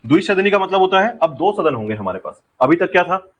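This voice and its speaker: A man's voice: high-pitched, big pitch swings, brisk, muffled recording. A man teaching an exam-prep lecture, drilling key points and repeatedly telling students to remember them. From India.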